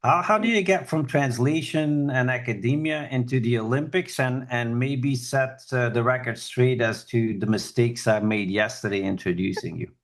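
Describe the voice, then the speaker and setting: Male host, mid-pitched voice, relaxed self-deprecating chat. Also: normal speed, hardly any pauses. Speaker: conference host. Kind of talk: hosting a conference interview.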